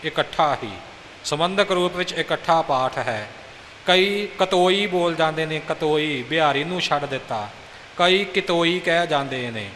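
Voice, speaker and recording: A man's voice: a little high, sharp tone. A man teaching the correct pronunciation of scripture recitation, patient and instructive, repeating phrases to model them. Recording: hissy recording with long reverb.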